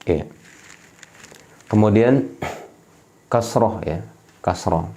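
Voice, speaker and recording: A man's voice: fairly low pitch, very slow, dark tone. A man teaching Quran letter articulation to viewers at home, patiently repeating each point and demonstrating the sounds.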